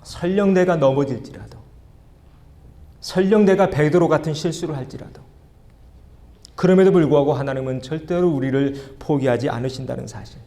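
Gravelly-voiced Korean pastor preaching a sermon. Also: male voice, on the high side, moderate pace, dark tone. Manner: asks the congregation questions and leads group reading. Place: church sanctuary.

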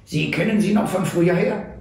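A man's voice: high-pitched, normal speed, a little mellow, voice pushed up. A man reading aloud and voicing a small, wily old trapper who talks in clipped, folksy phrases. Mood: jovial. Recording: echoey room.

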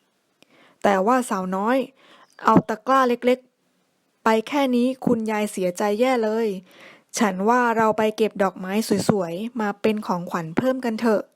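A woman voicing a sly male wolf who fakes kindness, drawing out his words slowly. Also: on the high side, no echo, natural voice. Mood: sweet-talking. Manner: slow, sweet-talking, drawn out.

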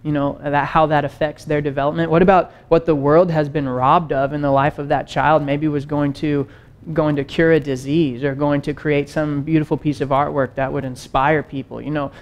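On a stage with a wood-panel backdrop and a screen, a young adult preacher gives a teaching sermon, pacing and gesturing widely. His voice is a bit higher than most men's, at normal speed, and his delivery stays lively, casual, and conversational.

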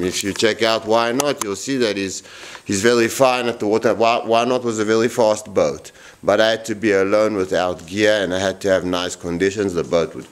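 40s guy rambling thru his boat shed on a handheld cam, lowish voice, blunt and animated. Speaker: boatbuilder vlogger. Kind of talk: rambling workshop tour vlog. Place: large wooden boat shed, indoors. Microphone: handheld camera at arm's length.

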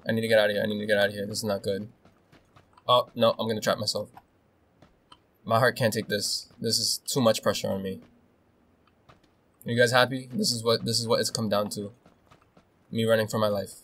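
A young man commentating his own game as he plays, excitable and swearing, swinging between nervous muttering and loud outbursts. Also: fairly low pitch, brisk, pauses often, slight background noise. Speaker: gaming video host. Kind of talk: casual gameplay commentary.

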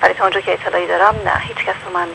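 A woman's voice: fairly low pitch, flat delivery, gravelly, pushed and bright, slight background noise, poor audio. A woman from Iran calling in as a worried mother, speaking hesitantly and mixing in English words. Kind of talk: phone-in call.

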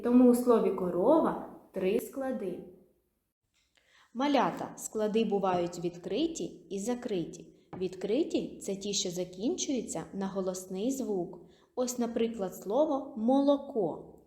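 A woman teaching young children a literacy lesson, sounding out words slowly and clearly in an encouraging teacher's way. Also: medium pitch, animated, mellow. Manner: slow, clearly syllabled, encouraging teacher talk. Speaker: kindergarten teacher. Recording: echoey room.

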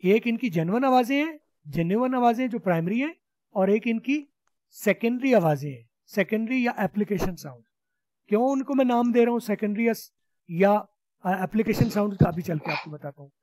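A man's voice: high voice, animated, brisk, a little mellow, no room sound. A man teaching spoken English in an online class, patiently explaining and repeating sounds for students to copy. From Pakistan. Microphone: video call.

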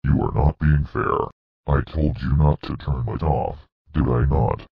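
Brief: a menacing demonic cartoon dinosaur, extremely deep and gravelly, dull lo-fi sound. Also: male voice, steady tone, heavily acted. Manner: gloating, threatening, slow and deliberate. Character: demonic evil male purple dinosaur, menacing. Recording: dull muffled lo-fi audio.

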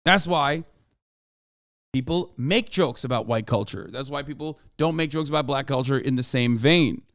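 Lecturing hard and swearing freely, this livestreamer in his thirties talks politics from a small room at home into a desk mic close to him. His mid-range voice has a fairly bright tone and a moderate pace, with a dry sound.

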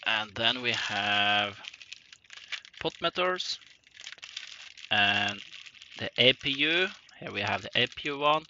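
A man talks his way through an unboxing at a workbench, slow and halting as he thinks aloud. The sound is dull and lo-fi. Rustling plastic and clicking noises come through clearly behind him. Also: lowish voice, animated, sharp tone, slight background noise. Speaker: hobbyist unboxing flight simulator cockpit parts. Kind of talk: casual unboxing narration. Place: indoor workshop room at a desk.

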